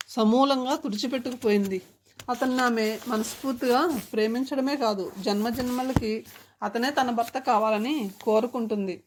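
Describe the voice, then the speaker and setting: A woman's voice: on the high side, slight background noise. A woman reading a sentimental family story aloud as narrator, speaking the characters' lines in her own voice.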